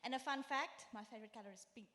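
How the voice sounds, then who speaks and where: A woman's voice: on the high side, quick pace, sharp tone. A young woman cheerfully introducing herself and promoting a course to new students. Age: young adult. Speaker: student committee member. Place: large hall. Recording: reverberant hall.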